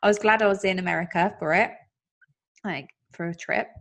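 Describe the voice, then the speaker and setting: A woman's voice: mid-range voice, fairly even intonation, a little fast, fairly bright tone. A woman in her thirties talks through life and happiness in an easy, chatty way. She speaks earnestly and laughs often as she goes. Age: 30s. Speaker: podcast host. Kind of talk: casual chat.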